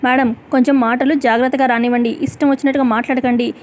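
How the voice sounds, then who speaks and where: A woman's voice: high voice, little pitch movement, fast talker, a little mellow, slight background noise, close to an everyday voice. A woman voicing a polite, working-class male auto driver who stays respectful but firm.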